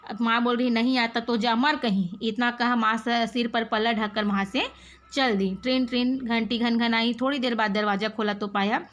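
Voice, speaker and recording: A woman teacher with a fairly high voice reads a story out to her class. She then goes back over it line by line in plain, everyday words. She keeps checking in with her listeners as she goes. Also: steady tone, moderate pace, a bit bright. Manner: reads a passage, then retells it in simple words with frequent checks like "है ना". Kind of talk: reading a story aloud and explaining it in class.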